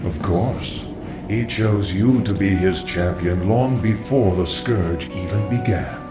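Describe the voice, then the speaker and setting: A man voicing an ancient, solemn undead lich with a hollow rasp, in a video game. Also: sits low. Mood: grave, knowing. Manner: solemn, portentous, measured. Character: ancient undead lich, reborn servant of a dark king. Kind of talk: video game cutscene acting. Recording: echoing distant voice under loud music.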